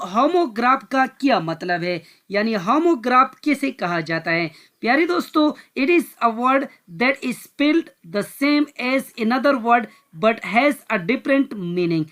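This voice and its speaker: Slow, high-voiced woman teaching quiz answers. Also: fairly bright tone. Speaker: exam-prep English teacher. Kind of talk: explaining quiz questions step by step.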